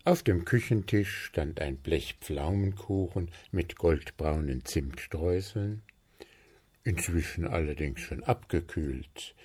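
A man reading a children's storybook aloud as narrator, calm and measured. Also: sits low, breathy edge.

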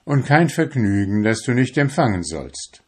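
A man's voice: medium pitch, sing-song, normal speed, husky, voice pushed up. A man voicing a heartless male soul that coaxes and commands in a storybook reading. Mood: coaxing. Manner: coaxing, insistent.

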